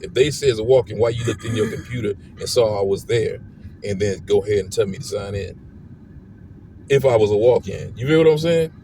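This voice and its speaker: A man's voice: lowish voice, a little fast, dark tone. A man who is unwell vents heatedly on a car ride home, repeating himself as he talks to his viewers. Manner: heated, repetitive, keeps asking "you know what I'm saying". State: unwell, congested. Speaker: family vlogger. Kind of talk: ranting car-ride vlog. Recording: car road noise behind the voice.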